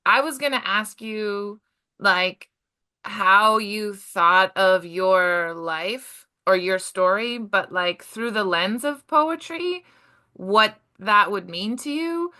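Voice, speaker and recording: Bright-voiced casual woman host. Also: medium pitch, slow. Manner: casual, rambling questions full of "like". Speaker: podcast host. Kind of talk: casual interview questions.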